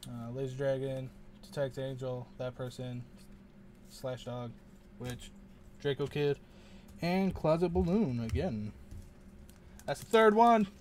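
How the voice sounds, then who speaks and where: Slow-talking man mumbling through an unboxing. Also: mid-range voice, steady tone, dark tone, a little hiss or hum. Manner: rambling, mutters to himself, unsure of names. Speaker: channel host opening card packs. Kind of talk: casual unboxing commentary.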